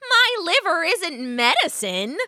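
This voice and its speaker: A clever young female rabbit from a storybook, her voice pitched very high and squeaky, as a woman reading aloud puts her on. She sounds bright and eager, with quick, lively leaps in her tone. The sound is dry and close. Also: no echo, exaggerated voice. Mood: pleading. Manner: squeaky, excited and pleading.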